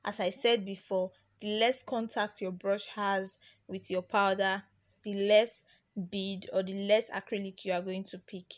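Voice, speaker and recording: A woman's voice: mid-range voice, flat delivery, unhurried. A young woman from Nigeria narrating a beginner nail tutorial as a voice-over, chatty, with plenty of ums and restarts. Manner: chatty, repeats herself, many ums and restarts. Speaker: nail tech teaching beginners. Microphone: voice-over recording.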